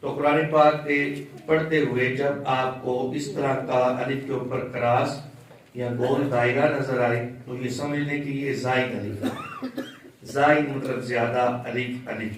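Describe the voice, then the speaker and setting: A man teaching Quran recitation in a patient, step-by-step way, chanting example words slowly. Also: mid-range voice, steady tone, heavy reverb, distant mic, a little hiss or hum, poor audio. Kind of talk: slow religious lesson with chanted examples.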